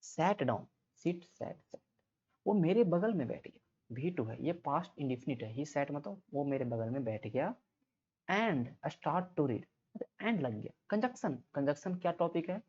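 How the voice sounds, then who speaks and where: A man's voice: fairly high pitch, big pitch swings, moderate pace, dark tone. A man teaching an exam-prep grammar lesson, explaining step by step and asking and answering his own questions. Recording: slightly muffled lo-fi audio.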